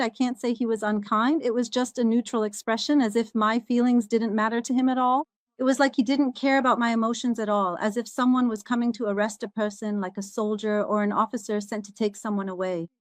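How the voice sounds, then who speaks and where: A woman's voice: mid-range voice, no room sound. A woman earnestly recounting a personal experience in the first person, turning emphatic when she repeats what she said. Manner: earnest, rising to emphatic when quoting herself. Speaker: guest recounting a near-death experience.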